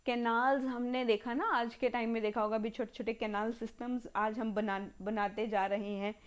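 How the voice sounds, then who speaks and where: A woman with an Indian accent giving an exam-prep history lecture, slowly repeating key terms as if dictating and mixing Hindi with English words. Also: on the high side, little pitch movement, clean tone. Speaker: history teacher.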